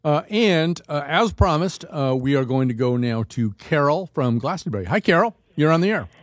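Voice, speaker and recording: Hosting a call-in radio show, a man with a slightly high, animated voice talks casually at normal speed, rambling with lots of fillers and restarts. He's on a studio microphone with no room sound.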